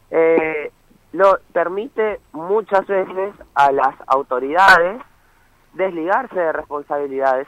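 A student activist from Misiones, young and male with an Argentine Spanish accent, phones in for an interview and sincerely explains his cause, dropping in "¿sí?" often. His voice sits high, with no room sound, and the phone line is muffled.

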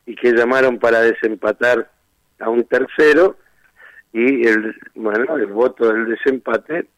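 Man with argentine spanish accent, defense lawyer, argumentative, rhetorical questions, mid-pitched, dull muffled line, dry sound. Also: no echo. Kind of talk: radio phone interview.

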